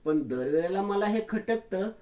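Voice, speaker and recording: A man's voice: high-pitched, lively intonation, unhurried, warm tone. A young woman comforts a weeping cousin and keeps slipping in nosy questions , as a man narrating the story puts her on. Her voice sits well above his normal range, soothing on the surface with a prying edge underneath. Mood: consoling, prying.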